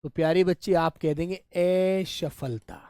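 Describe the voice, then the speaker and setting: Slow-spoken Hindi teacher drilling children. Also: male voice, fairly high pitch, clean tone, no echo, clean studio sound. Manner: repeats each word slowly, addressing children warmly as "pyare bachche". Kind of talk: live online class lesson.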